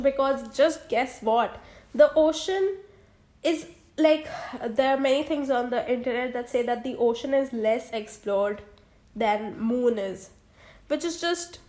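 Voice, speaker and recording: A young woman hosting a solo podcast, rambling casually with many fillers and restarts. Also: fairly high pitch. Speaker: podcast host.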